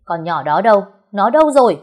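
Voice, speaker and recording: A woman voicing a spoiled, hot-tempered young woman who yells and whines in a shrill voice in an audio story. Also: normal speed, lightly acted. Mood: furious. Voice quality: shrill, shouting. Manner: yelling and whining.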